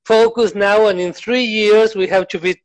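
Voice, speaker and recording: A man in his twenties interviewing, asking questions haltingly while searching for words. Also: high-pitched, fairly even intonation, rough recording. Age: 20s. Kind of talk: casual interview.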